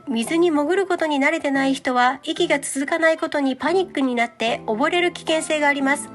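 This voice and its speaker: A woman narrating a scripted video as its host, in a polite, explanatory presenter style. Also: high voice. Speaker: host of a free-diving and mermaid swimming channel. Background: background music.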